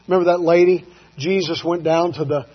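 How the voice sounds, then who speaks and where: A man preaching a sermon as a pastor, telling folksy stories and swinging from quiet asides to loud, emphatic peaks. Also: on the high side, steady tone, a little fast, slightly rough, dull audio. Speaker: Baptist pastor.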